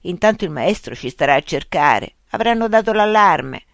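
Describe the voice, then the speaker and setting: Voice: medium pitch, lively intonation, normal speed, gravelly, a bit bright, dry recording, studio quality. A storyteller voicing Cesare, a brave schoolboy with a Roman accent who coaxes his friend along. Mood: coaxing. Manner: coaxing, reassuring.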